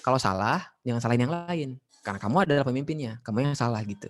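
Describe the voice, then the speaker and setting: A man with an Indonesian accent leads an online leadership lesson for students. He talks in a lively way, asking questions, calling on students and dropping English phrases into his explanations. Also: mid-range voice, very fast. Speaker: teacher leading a leadership training session. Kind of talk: online class lecture.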